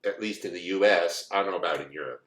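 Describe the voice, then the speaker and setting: A man's voice: low voice, quick pace, fairly bright tone. A man in his forties from the United States, telling a personal story in a rambling, casual way with many asides. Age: 40s. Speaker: co-host. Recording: echoey room.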